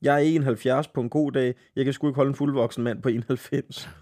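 Casual Danish male podcast host. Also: medium pitch. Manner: lively, laughing, swearing casually, stumbles while reading. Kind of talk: casual podcast chat, reading listener stories aloud.

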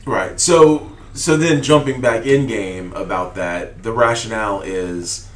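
A man with a fairly low voice talks through his plans as a player in a tabletop game, hesitant and full of restarts. He is picked up from a distance in a roomy space. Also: unhurried. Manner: hesitant, lots of fillers and restarts. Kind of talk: casual tabletop game chat.

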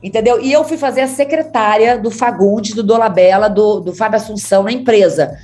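A talkative Brazilian actress, an interview guest, laughs her way through casual stories from her career in a Brazilian Portuguese accent. Her medium-pitched voice is mellow and fairly quick, with faint music behind.

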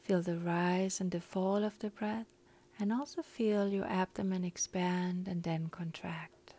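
A woman guiding a breathing meditation in a calm, soft, often whispery voice, counting breaths. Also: lowish voice, unhurried.

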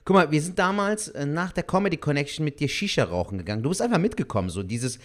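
Young male co-host, lively pitch, slangy. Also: fast. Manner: slangy, animated, affectionate. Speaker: podcast co-host. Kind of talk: casual podcast chat.

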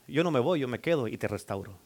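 A man's voice: medium pitch, lively intonation, fast, darkish tone. A male pastor, preaching a sermon and calling out questions for the congregation to answer. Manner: preaching with call-and-response to the congregation.

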